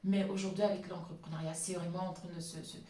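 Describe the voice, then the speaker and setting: A woman speaks in a fairly low voice with a slight lisp. She tells her story vlog-style, hesitating and repeating words. The microphone sounds distant, in a very echoey room. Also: level tone, quick pace, warm tone. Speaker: vlogger, cleaning business entrepreneur. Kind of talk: personal storytelling monologue to camera.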